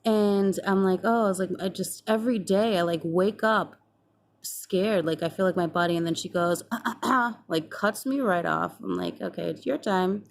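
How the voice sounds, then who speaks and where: A woman's voice: on the low side, normal speed, creaky. A woman in her twenties telling a personal story to the camera in a chatty, casual way, acting out past conversations and swearing freely. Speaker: vlogger.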